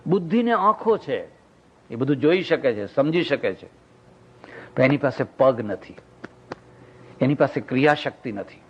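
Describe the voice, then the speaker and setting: An older man giving a storytelling sermon as a monk, animated and acting out the people in his stories. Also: mid-range voice, unhurried, long pauses, husky. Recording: dull lo-fi recording.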